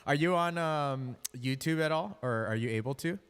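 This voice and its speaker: A man's voice: a little high, moderate pace, fairly bright tone, smooth. Laid-back man with a reverb-heavy room mic. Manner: laid-back, loose and joking. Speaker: host. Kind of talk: casual call-in interview test.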